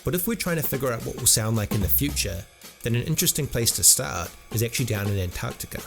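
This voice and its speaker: A man's voice: mid-range voice, expressive, fast talker, gravelly, over music. New Zealand man narrating a video essay. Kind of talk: scripted narration.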